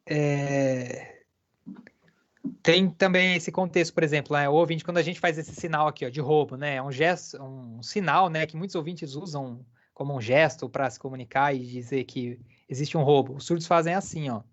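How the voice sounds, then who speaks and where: An interpreter voices a deaf lecturer's talk live, speaking in halting phrases full of filler pauses. The pitch sits in the middle of the range. The stream sounds dull and lo-fi.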